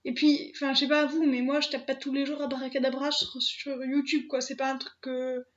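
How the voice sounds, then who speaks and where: A woman's voice: high voice, flat delivery, brisk, muffled recording, slight background noise. A young woman hosting her own channel, talking casually to camera, hesitant, with many fillers and restarts. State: emotional, near tears. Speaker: channel host. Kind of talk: casual vlog talk to camera.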